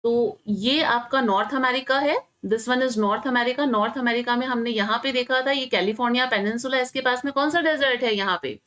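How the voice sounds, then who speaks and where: A woman with a slightly high voice teaches geography over an outline map. She talks at a patient classroom pace, repeating each place name and posing questions she answers herself, moving between Hindi and English phrases. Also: a bit bright. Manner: explains slowly, repeats names, asks and answers own questions, mixes Hindi and English. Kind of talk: online map lesson.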